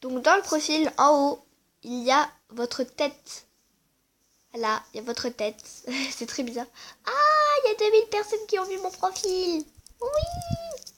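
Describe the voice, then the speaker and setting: A woman casually walking viewers through her game character, chatty and hesitant, muttering asides under her breath. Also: high voice. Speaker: game vlogger. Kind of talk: casual game walkthrough chat.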